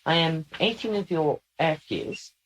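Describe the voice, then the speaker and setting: A woman's voice: low voice, lively intonation, unhurried, slight background noise, rough recording. A woman voicing an eighteen-year-old female alien cadet officer, eager and formal in a channeling session. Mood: chirpy formal. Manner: bright, chirpy, polite and formal. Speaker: channeled military spirit.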